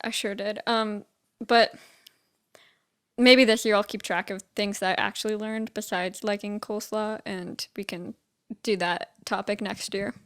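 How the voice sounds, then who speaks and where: A woman's voice: medium pitch, fairly even intonation, unhurried. A young woman co-hosting a podcast in casual chat, talking freely and leaning on "like" a lot. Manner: chatty, leans on "like" a lot. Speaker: podcast co-host.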